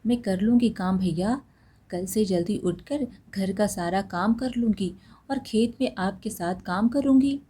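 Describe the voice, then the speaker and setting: A woman voicing a meek, devoted young wife who is patient and kind, speaking softly and submissively. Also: medium pitch, unhurried, slightly rough. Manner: soft, submissive.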